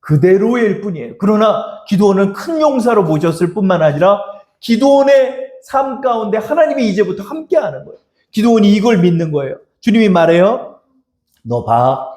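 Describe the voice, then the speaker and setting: A male pastor preaching in an echoey church sanctuary. His fairly high voice swoops up and down with lively emphasis as he exhorts his congregation and speaks to them directly. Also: a little fast. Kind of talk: sermon.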